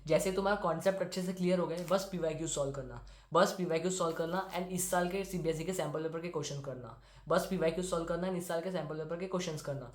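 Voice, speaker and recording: A teenage boy from India, a student giving brisk, direct exam-prep advice as a study-tips talk to camera. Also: fairly high pitch. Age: teens. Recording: roomy echo.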